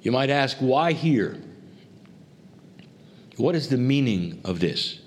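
A man giving a spiritual channeled talk to a group, speaking in deliberate, solemn phrases with pauses. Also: mid-range voice, sing-song, darkish tone. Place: live before a group. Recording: faint background noise.

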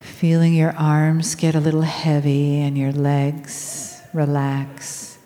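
Very slow, low-voiced woman guiding meditation. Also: completely flat delivery. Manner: soft, soothing, unhurried with long pauses. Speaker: guided meditation leader. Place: large room with people present. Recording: reverberant hall.

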